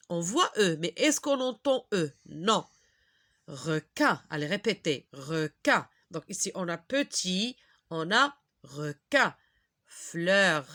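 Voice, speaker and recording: A woman teaching young children to read, saying words slowly and clearly, having them repeat, and praising them. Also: mid-range voice, fairly bright tone. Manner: encouraging praise. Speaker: reading teacher. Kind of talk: slow phonics lesson for young children.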